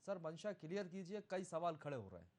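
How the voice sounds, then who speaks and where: A man's voice: fairly high pitch, very animated, fairly quick, darkish tone. A man anchoring a TV debate, pressing his guests with pointed questions. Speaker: news anchor. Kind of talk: TV debate moderation.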